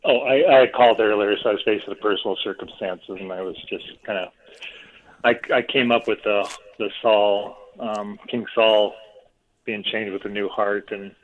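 A man's voice: fairly low pitch, steady tone, normal speed, slight background noise. A radio show caller, a man, asking a polite question over a phone line into a radio show, hesitant and full of ums. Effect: phone-line call into a radio show.

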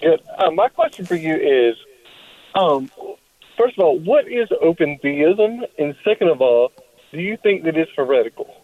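A man's voice: a little high, expressive, normal speed, no room sound. A man calling in over a phone line. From Alabama. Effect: heard over a phone line. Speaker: radio show caller.

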